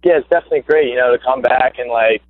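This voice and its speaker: Speaking very fast in a mid-range voice, a young adult guest and former high school basketball player talks eagerly with lots of fillers and restarts. It's a casual phone interview on a tinny line, with no room sound.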